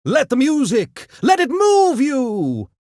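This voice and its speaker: A pint-sized gremlin intellectual for a video game. The voice swings dramatically up and down and takes its time over every fancy word. It is smug, pompous and mischievously menacing, recorded dry and close. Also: male voice, extremely high pitch, wildly swooping pitch, slow, darkish tone, dry recording, exaggerated voice. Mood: excited, theatrical. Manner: pompous, wordy, mock-genteel diction. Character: small, erudite, smug male gremlin genius with mischievous menace. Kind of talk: video game character voice lines.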